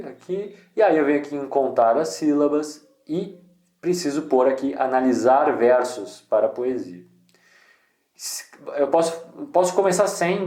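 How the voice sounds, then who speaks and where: A man's voice: medium pitch, mellow, roomy sound. A man giving a casual screen-share tutorial, thinking aloud with many restarts. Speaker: poetry channel host.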